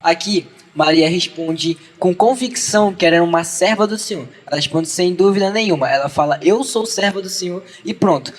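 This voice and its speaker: A man's voice: fairly high pitch, brisk, few pauses. A teenage boy with a Brazilian Portuguese accent giving an earnest youth devotional, reading a Bible passage and then talking casually to his peers. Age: teens. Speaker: youth church speaker.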